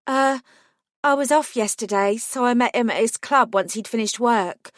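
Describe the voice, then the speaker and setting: Earnest young waitress w/ faint london accent, higher sweet voice, woman reading, dry sound. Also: moderate pace, dry recording, natural voice. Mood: candid. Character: gentle young woman cafe worker, nursing student.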